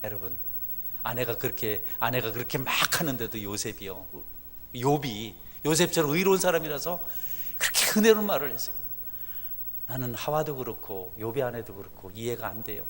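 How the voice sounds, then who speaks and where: A middle-aged man preaching a sermon as a pastor, swinging from hushed, confiding asides to loud, fervent exhortation. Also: mid-range voice, a little fast. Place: church sanctuary. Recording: church sanctuary with long reverb.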